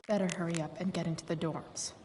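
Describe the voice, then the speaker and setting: A woman's voice: lowish voice, fairly even intonation, fast, background noise, lightly acted. A woman playing a guarded, rebellious teenage girl in a video game, speaking with dry, casual sarcasm. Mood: sardonic, muttering. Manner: dry, sardonic, hesitant casual phrasing.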